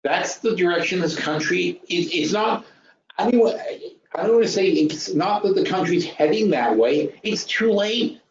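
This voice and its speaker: Over roomy, dull lo-fi webinar sound with a little hiss or hum, a man of fifty-five explains finance as a trading educator. His high voice is animated at a moderate pace; he's blunt and emphatic, musing aloud, repeating himself and asking rhetorical questions.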